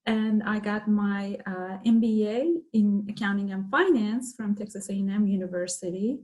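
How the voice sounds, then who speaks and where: A woman's voice: medium pitch, fairly even intonation, moderate pace, darkish tone, muffled recording. A middle-aged woman from Turkey, a professor, explaining her field in an interview with frequent fillers. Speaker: guest, professor. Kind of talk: interview conversation.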